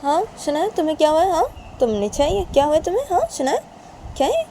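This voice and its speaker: A woman's voice: high voice, big pitch swings, fast, mellow, a little hiss or hum, pitched above the performer's own voice. A woman voicing a doting middle-aged mother who has been crying and keeps coaxing her daughter to eat, repeating herself insistently. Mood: tearful.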